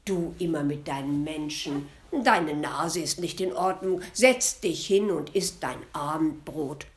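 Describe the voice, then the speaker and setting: A woman's voice: low-pitched, measured pace. A woman voicing a shrewd, sly old grandmother in a spoken fairy tale, talking in a coaxing, soothing way.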